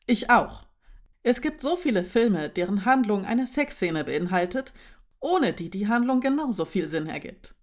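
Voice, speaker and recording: A woman's voice: mid-range voice, animated, measured pace, close to an everyday voice. A woman voicing Anuka, an eager young friend explaining her ideas in a storybook reading.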